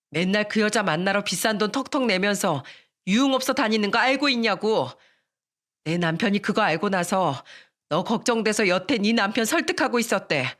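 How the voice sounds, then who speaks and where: A woman voicing a furious older sister, a tough former boxer, who scolds in a blunt, forceful way. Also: medium pitch, close to an everyday voice.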